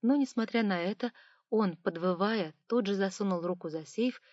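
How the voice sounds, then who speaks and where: A woman narrating an audiobook in an expressive storytelling way. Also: medium pitch, moderate pace, dry recording, lo-fi sound.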